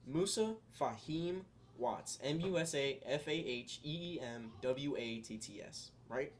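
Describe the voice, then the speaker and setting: A young adult vlogger speaks in an animated, mid-range voice at a relaxed pace, with slight background noise. Talking directly to viewers, he rambles through earnest spiritual reflections full of fillers and restarts.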